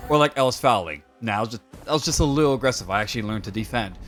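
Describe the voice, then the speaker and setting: A man's voice: mid-range voice, animated, very fast, a bit bright, soft background music. A young adult man streaming a game, telling rambling, joking stories to his viewers with plenty of filler words. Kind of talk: casual chat with stream viewers.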